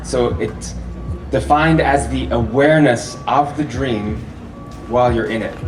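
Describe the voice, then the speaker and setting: At a festival venue before a live audience, a man gives a relaxed, chatty public talk, asking the crowd questions and laughing often between points. His medium-pitched voice is a little slow, with soft background music. A handheld or stand mic, often held far off, yields roomy echo and audible hall noise.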